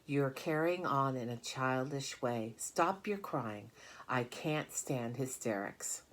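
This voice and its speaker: A woman voicing a brisk, composed female spider in a children's storybook, firm and matter-of-fact. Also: rumbling low, animated, heavily acted.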